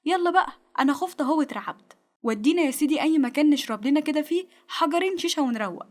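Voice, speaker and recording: A woman's voice: high-pitched, expressive, racing, darkish tone. Woman reading a skeptical Egyptian college buddy. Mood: dismissive. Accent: Egyptian Arabic. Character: skeptical young male college friend.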